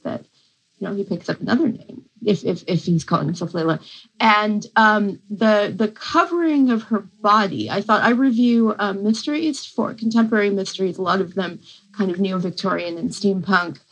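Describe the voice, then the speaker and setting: A literature professor with a mid-range voice speaks as an interview guest over poor-quality audio. She thinks aloud in a thoughtful, halting way, with many fillers, hesitations and restarts.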